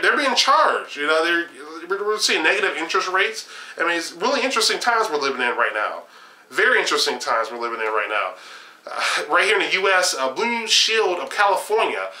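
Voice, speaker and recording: A man's voice: a little high, echoey room. A young man giving sarcastic, opinionated political commentary to camera from a small room at home, with many fillers and restarts. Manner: animated, gesturing, sarcastic, frequent fillers and restarts. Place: small room at home, shelves of games behind.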